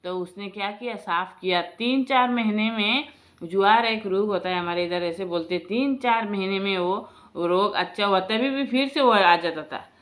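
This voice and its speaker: A woman's voice: mid-range voice, normal speed, fairly bright tone. A woman telling a personal family story in a casual, chatty way, speaking to her viewers as friends and often restarting her sentences. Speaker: storyteller, vlogger.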